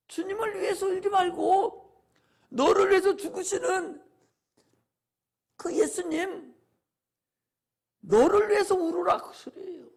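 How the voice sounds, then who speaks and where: Man playing a pastor with a very high, gravelly voice, impassioned sermon, swings from loud exhortation to hushed asides. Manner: repetitive preaching cadence.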